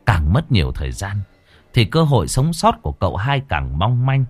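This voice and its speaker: Casting: male narrator, deep, lively dramatic storytelling, dry close mic. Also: moderate pace, breathy edge, no room sound, faint music behind.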